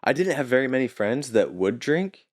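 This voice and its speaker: A man's voice: medium pitch, moderate pace. Laid-back young man telling stories. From Utah, United States. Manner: relaxed, chuckles often while telling stories. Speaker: podcast guest. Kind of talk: casual storytelling chat.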